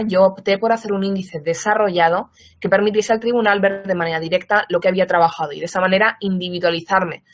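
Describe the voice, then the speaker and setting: Measured lower-voiced lecturer woman. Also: a bit bright. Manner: measured, explanatory, with occasional self-corrections. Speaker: teacher giving a training talk. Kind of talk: online lecture answering chat questions.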